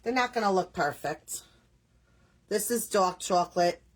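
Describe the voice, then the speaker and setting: A woman's voice: fairly low pitch, animated, measured pace, slight background noise. A woman from New York with a New York accent, chatting casually with live viewers while she crafts, rambling a little and reading their names out. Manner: chatty, scattered, self-deprecating, reads viewer names aloud. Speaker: crafting livestream host.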